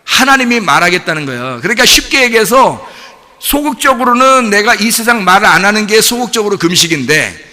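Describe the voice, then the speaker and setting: A male pastor preaching a sermon in a chatty way, full of rhetorical questions and quick laughs. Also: high-pitched, sing-song, pushed and bright. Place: church sanctuary. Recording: long church hall reverb.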